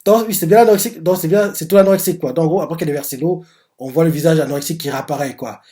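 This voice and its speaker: A man hosting a casual live reaction to a manga chapter, rambling and animated with constant filler words. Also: a little high, very fast. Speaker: manga reaction channel host.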